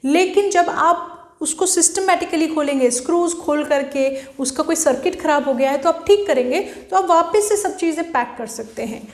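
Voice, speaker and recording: A woman's voice: high voice, normal speed, echoey room. A woman teaching a physics video lecture, asking questions and answering them herself. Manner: asks and answers own questions.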